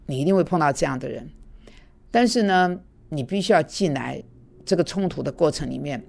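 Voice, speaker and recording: A woman's voice: low voice, gravelly, darkish tone. A woman teaching an online Bible class, earnest and conversational, slipping in English words now and then.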